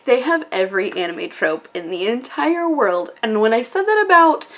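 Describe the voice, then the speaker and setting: A woman's voice: fairly high pitch, big pitch swings, moderate pace, fairly bright tone. A woman giving a casual comedic review in a tipsy, rambling way, dramatically acting out reactions as she goes. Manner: dramatic, acts out imagined reactions. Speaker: anime reviewer.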